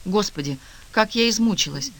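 A man's voice: sits high, expressive, moderate pace, voice pushed up. A man reading a broken grieving mother. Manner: quiet, plaintive. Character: grieving broken young mother, timid and hushed.

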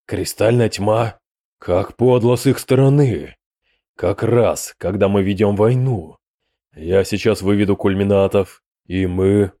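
A man voicing a hot-tempered rotting demon prince who speaks in sharp, fierce outbursts. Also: fairly low pitch, a little slow, no echo, studio quality. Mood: fired up.

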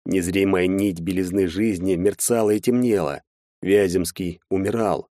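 A man reading a first-person audiobook in steady, measured storytelling on a close mic. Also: low voice, no echo. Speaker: audiobook narrator.

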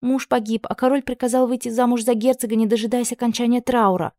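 Woman voicing young maid girl, earnest, high pleading tone, storybook audiobook, dry close sound. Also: flat delivery, fast, warm tone, no echo, close to an everyday voice. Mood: worried.

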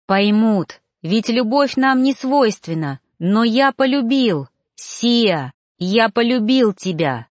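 A woman's voice: a little high, lively intonation, slow, few pauses, dry recording, clean studio sound. A woman voicing an insistent young male reaper in love, growling and firm.

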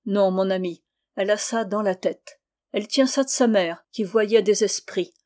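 Hoarse old sea dog guy, woman reading him, bellows and chuckles, braggy. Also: mid-range voice, steady tone, normal speed, darkish tone, close to an everyday voice. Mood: solemn. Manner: chuckles "hu, hu" between boasts.

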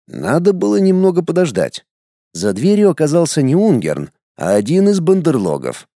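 A man narrates a first-person audiobook in a wry, deadpan way. His voice is dark and mellow, yet its pitch swings widely. The recording is close and dry. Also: moderate pace, no echo.

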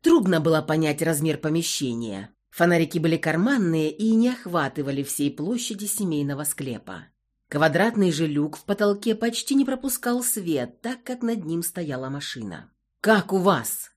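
A woman narrating an audiobook in an expressive storytelling manner. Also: sits low, normal speed.

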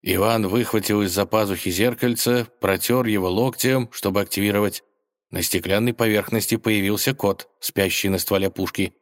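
A male narrator with a low voice reads a children's story aloud. His reading is expressive and lively, carrying the action forward. Scripted storybook narration. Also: moderate pace.

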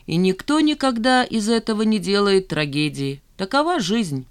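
An audiobook reader voicing a stern, composed male friend who speaks in a measured, matter-of-fact way. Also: mid-range voice, big pitch swings, smooth, voice pushed up, natural voice. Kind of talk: audiobook character voice.

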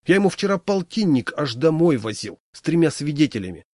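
A man's voice: a little high, sing-song, fairly quick, a little mellow, dry recording, clean studio sound, voice pushed up. A man doing grumpy, vengeful Yashkin. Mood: grumbling. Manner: grumbling, bloodthirsty. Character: grumpy vengeful male coworker.

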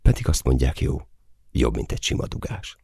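A man voicing a frank, teasing young woman in an audiobook, speaking softly. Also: a bass voice, sing-song, vocal fry, slightly rough, dry recording, studio quality, exaggerated voice. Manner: soft-spoken, frank. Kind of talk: audiobook character reading.

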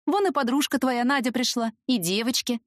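A woman's voice: on the high side, brisk, dry recording, studio quality, pitched above the performer's own voice, natural voice. A woman voicing a blunt, outspoken middle-aged nurse at a children's home. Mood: fretful. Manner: outspoken, fretful.

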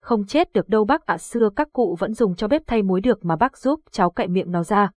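A woman's voice: mid-range voice, expressive, brisk, a little mellow, slightly rough, dry recording. Storybook young villager, polite and reassuring, dry close sound, read by a woman narrator. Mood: earnest. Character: young village man, anxious but steady helper.

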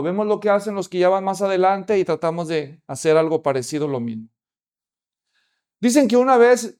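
A man's voice: high voice, a little mellow. A male preacher delivering a conversational sermon at a church conference, telling stories and asking the audience rhetorical questions.

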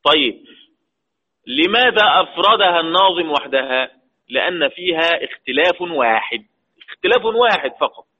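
Husky Egyptian sheikh teaching recitation. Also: male voice, on the high side, lively intonation. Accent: Egyptian Arabic. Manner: asks the class questions and answers them himself; slow, drawn-out stress on key terms. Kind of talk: lecture mixing colloquial and formal Arabic. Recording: tinny phone-like lo-fi audio.

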